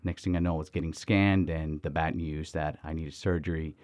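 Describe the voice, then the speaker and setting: A man from the Dominican Republic with a very deep voice tells his own story as an interview guest. He talks in lively bursts with plenty of fillers and restarts, recorded dry and close. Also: brisk, dry recording. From Dominican Republic, raised in Miami. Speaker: guest, mission organization director.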